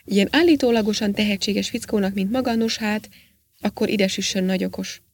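A pompous, balding little boss man, smug and quick to threaten, as a woman reads him in a storybook. His voice has a gravelly edge. He talks down to his listener. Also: mid-range voice. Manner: smug, then coldly threatening. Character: pompous middle-aged male boss, short and balding.

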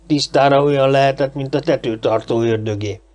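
A man's voice: medium pitch, fairly even intonation, darkish tone, natural voice. A man voicing a chatty, boastful homeless man in an audiobook, rambling and gossipy. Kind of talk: audiobook character reading.

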